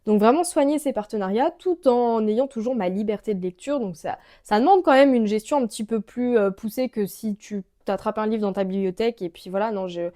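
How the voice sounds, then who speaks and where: A young French-accented woman chats casually to camera, gushing and filling her sentences with hesitations. Her voice is warm and mellow, at an ordinary pitch for a woman. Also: brisk, few pauses. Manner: chatty and gushing, many fillers. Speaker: book vlogger.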